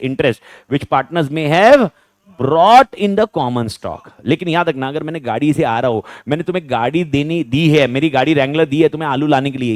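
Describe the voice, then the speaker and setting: A man teaching an exam revision class. He drills students in rapid question-and-answer bursts and hammers key points home by repeating them. His voice sits a little high and sounds close and dry. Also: darkish tone, dry recording.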